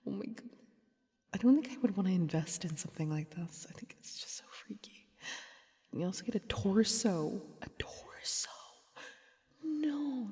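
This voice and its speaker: A woman's voice: medium pitch, dark tone, in a large hall. A woman streamer in whispered ASMR chat, mostly whispering and chatty, with sudden startled outbursts. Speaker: VTuber streamer.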